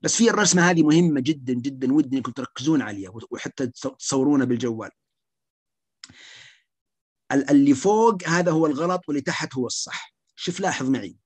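A man's voice: medium pitch, fast talker, breathy edge, no echo. A man giving a slide lecture on social anxiety as a psychiatrist, emphatic and repeating key points.

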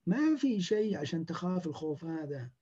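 A man, a clinician giving a lecture, talking in an animated way and acting out the words of patients. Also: on the high side, a little fast, husky, dull audio.

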